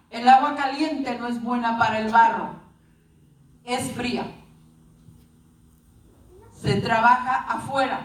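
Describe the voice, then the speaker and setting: A woman preacher telling a parable in a sermon, addressing the congregation as brothers, recorded from a distance in an echoey room. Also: a little high.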